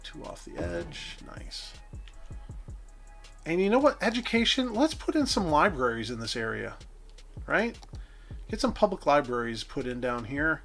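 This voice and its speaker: A man with a somewhat raised pitch talks through his game in a relaxed, chatty way. He thinks aloud and catches his own slips, with soft music faintly behind him. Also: moderate pace, long pauses. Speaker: gameplay commentator. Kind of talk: casual let's-play narration.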